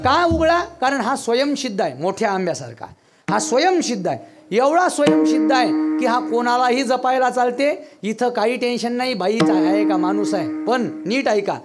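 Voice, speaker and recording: A man with a Varhadi Marathi accent preaching a devotional sermon, blunt and teasing, breaking into loud bursts. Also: very high-pitched, animated, moderate pace, over loud music. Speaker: kirtan preacher.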